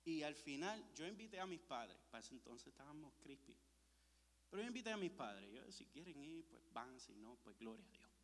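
A man preaching an emotional testimony sermon, swinging from hushed to exclaiming. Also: on the high side, very animated, normal speed, big-room sound, a little hiss or hum.

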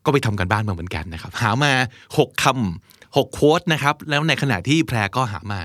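A young man hosting an English vocabulary lesson, chatting casually and explaining quotes with lively asides. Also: lowish voice, a little fast, no echo, studio quality. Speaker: English vocabulary show host. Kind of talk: casual teaching chat.

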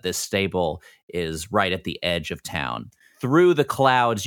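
A man acts as game master for a tabletop role-playing game. His voice sits a little low and moves with animated intonation. He describes places informally, as if chatting with the players, in a very dry recording. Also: no echo. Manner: informal, conversational scene-setting.

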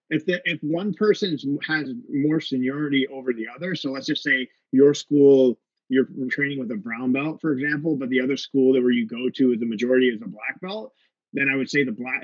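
A man's voice: mid-range voice, breathy edge, dry recording, highs cut off. A man in his late thirties, a jiu-jitsu instructor, talking casually on a podcast and rambling with many fillers and restarts. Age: 30s.

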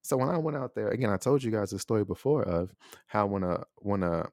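A man's voice: lowish voice, lively intonation, brisk, a little mellow, no echo, clean studio sound. An American man hosting a solo podcast, talking reflectively and conversationally and often checking in with a rhetorical "right?". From United States. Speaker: podcast host.

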